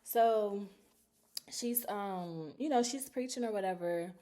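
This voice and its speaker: A woman's voice: mid-range voice, slow pace. A young woman telling a personal story to the camera in a casual, candid way, acting out the lines people said to her. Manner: casual, animated, acts out quoted dialogue. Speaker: vlogger.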